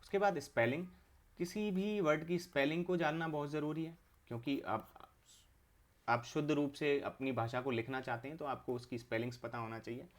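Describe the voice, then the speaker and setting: A man's voice: fairly high pitch, fairly quick. A young adult man, teaching an online exam-prep English class, explaining each term step by step and repeating it.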